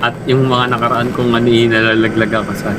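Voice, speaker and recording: A gaming host, giving excited, shouted callouts while playing with friends. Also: mid-range voice, fairly quick, very noisy. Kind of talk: live gameplay commentary with friends.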